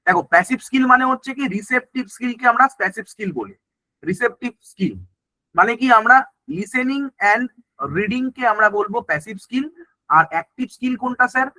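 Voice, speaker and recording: A man with a very high-pitched, sharp voice teaches an exam-prep lesson at a brisk pace, in a low-quality recording without room sound. He explains in Bengali mixed with English terms and keeps checking that the class is following along.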